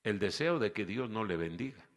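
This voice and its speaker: Gravelly pastor preaching. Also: male voice, fairly low pitch, animated, normal speed, long reverb tail. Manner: rhetorical questions, emphatic repetition. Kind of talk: sermon. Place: church hall.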